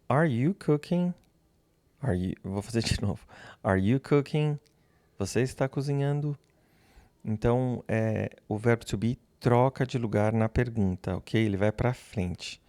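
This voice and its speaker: A man teaching English grammar, speaking slowly and patiently, repeating example phrases and pausing so learners can answer. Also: fairly low pitch, dark tone, no room sound. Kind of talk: slow, patient classroom explanation.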